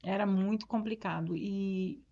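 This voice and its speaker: A woman pastor from Brazil giving an emotional testimony. She talks at a middle pitch and acts out both sides of a conversation. The audio is slightly dull and muffled. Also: fairly even intonation, a little slow, warm tone. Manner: emotional storytelling, acts out dialogue. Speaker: pastor, interviewee. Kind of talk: personal testimony.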